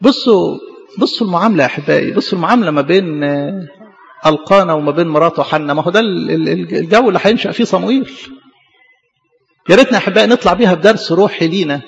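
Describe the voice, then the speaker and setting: A man's voice: sits high, racing, gravelly, pauses often. A man with an Egyptian Arabic accent, a priest preaching a sermon in an earnest way, repeating phrases for emphasis. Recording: dull reverberant hall sound.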